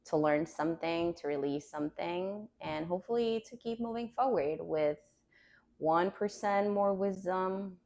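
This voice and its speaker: Calm low-voiced woman guiding a grounding meditation. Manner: calm, gentle instruction with unhurried pauses. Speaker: meditation and yoga teacher.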